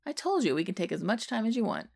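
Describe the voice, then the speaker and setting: A woman reading the lines of a caring middle-aged husband, who explains things gently and earnestly. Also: mid-range voice, big pitch swings, fast talker, gravelly, pitched above the performer's own voice.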